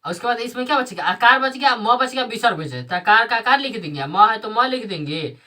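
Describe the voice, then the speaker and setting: A woman teacher with a fairly high, bright, forceful voice and lively intonation moves a little fast through a classroom lesson, step by step. She questions herself, supplies the answers, and repeats each step, sounding far from the mic.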